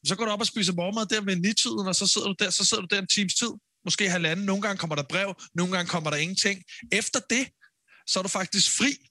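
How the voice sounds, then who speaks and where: A man co-hosting a podcast in a casual, chatty way, getting loud and emphatic when something bothers him. His voice sits a bit high and rings bright, recorded dry and close. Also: no echo. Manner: animated, gets loud and emphatic when ranting. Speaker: podcast co-host, former reality show contestant.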